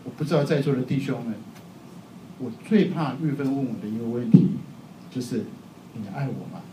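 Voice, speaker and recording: A man's voice: mid-range voice, brisk, warm tone, far from the mic. Middle-aged man preaching in an echoey hall. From Taiwan. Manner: chatty, self-mocking, laughs often. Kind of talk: sermon. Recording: echoey hall, faint background noise.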